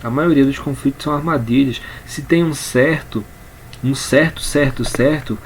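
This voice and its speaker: A communication coach with a Brazilian Portuguese accent gives a casual, informal spoken lesson on communication in a middle-range voice at normal speed. He takes his time, circling back over words and restarting phrases as he goes. Faint noise sits beneath the recording.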